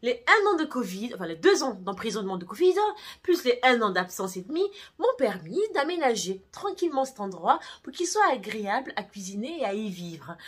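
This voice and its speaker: Brief: middle-aged woman, husky and animated, upbeat cooking-vlog host, light music behind. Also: fairly high pitch, a little fast. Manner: bubbly, animated, laughs often. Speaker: cooking vlogger. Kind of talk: casual vlog chat.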